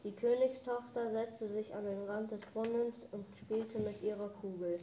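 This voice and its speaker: Mellow woman narrating a fairy tale. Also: medium pitch, steady tone, normal speed, dull audio. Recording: echoey room, faint background noise.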